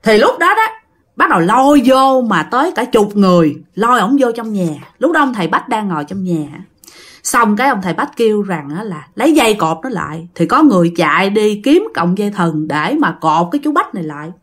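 Lively Southern Vietnamese woman storyteller. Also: medium pitch, a little fast. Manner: animated, talks straight to listeners. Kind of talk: casual ghost-story telling.

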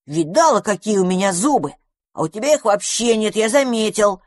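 A woman's voice: medium pitch, expressive, a little fast, darkish tone, no room sound, clean studio sound, pitched above the performer's own voice, lightly acted. A woman playing a cocky little dragon. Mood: boastful. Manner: bold, boastful. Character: small boastful boy dragon, curious.

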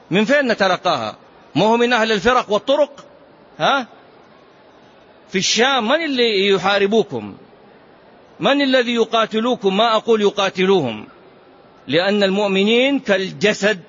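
A man's voice: high-pitched, fairly bright tone. A man teaching as a sheikh in a religious lesson, speaking with passion and firing off rhetorical questions. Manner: impassioned, fires rhetorical questions. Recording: muffled lo-fi lecture recording.

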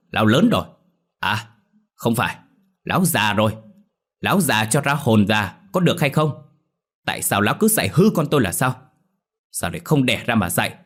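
A man voicing an angry middle-aged village father who scolds loudly and fast, in a storybook reading. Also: mid-range voice, slightly rough, voice pushed up. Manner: shouting, rapid scolding.

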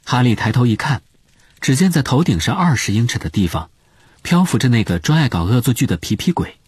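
A man narrating an audiobook as expressive scripted storytelling. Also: mid-range voice, brisk, breathy edge, no room sound.

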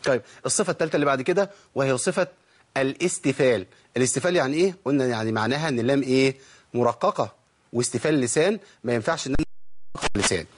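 A man's voice: mid-range voice, rapid-fire. A man with an Egyptian accent teaching a tajweed lesson, asking his listeners questions and demonstrating each sound. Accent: Egyptian Arabic. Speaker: Quran recitation teacher.

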